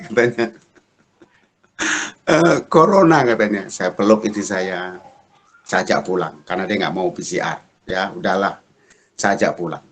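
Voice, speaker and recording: A middle-aged male pastor preaching a sermon, telling a story and acting out the dialogue in raised voices. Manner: lively storyteller, acts out dialogue in high voices.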